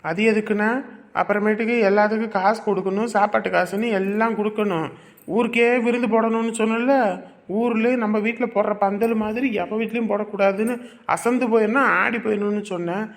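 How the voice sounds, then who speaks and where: A man's voice: high-pitched, fairly even intonation, brisk. A young actor playing a village son who insistently presses his mother for money in a rural family drama. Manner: insistent, exasperated pleading. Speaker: son arranging family feast.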